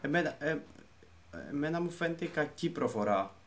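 A man co-hosting a podcast in casual conversation, speaking haltingly with frequent restarts. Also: on the high side, animated. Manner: halting, restarts words, mixes in English terms. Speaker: podcast co-host.

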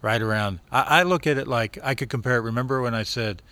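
A man's voice: mid-range voice, fast, pushed and bright, smooth, no echo. A man in a touring band, a guest in a casual chat, easygoing and a little hesitant, often repeating words.

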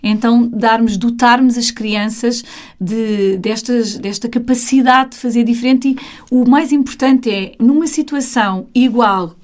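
A woman's voice: on the high side, measured pace, a little mellow. A woman teacher with a European Portuguese accent, chatting animatedly and acting out the voices of children and adults. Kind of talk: casual conversation.

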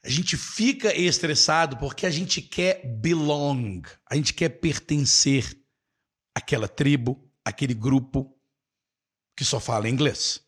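Middle-aged Brazilian male English teacher, higher voice, emphatic and encouraging. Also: takes it slowly, breathy edge. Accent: Brazilian Portuguese. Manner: encouraging, emphatic, repeats key phrases, switches into English. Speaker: English teacher hosting a live class. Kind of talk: live online class, answering viewers.

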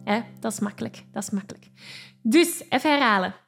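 A woman's voice: medium pitch, lively intonation, a little fast, creaky, loud music behind the voice. A woman singing teacher giving an encouraging vocal lesson, explaining technique and singing short examples. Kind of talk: vocal lesson with sung demonstrations.

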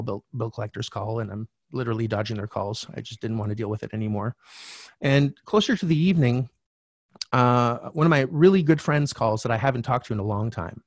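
This is a middle-aged man on a podcast telling his story with blunt, animated candor and the odd curse. His pitch sits in a normal male middle range. The sound is dry with no room echo. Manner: frank, animated storyteller who swears casually. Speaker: podcast guest, real estate coach. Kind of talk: candid storytelling.

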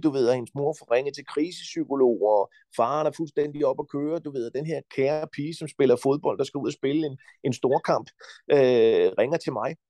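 A Danish man talking as a podcast guest, giving forceful advice bluntly and insistently, with frequent swearing. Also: mid-range voice, gravelly, no echo.

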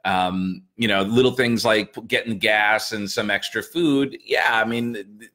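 Man, podcast co-host, low voice, easygoing, rambling chat. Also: a little slow, pushed and bright. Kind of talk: casual chat.

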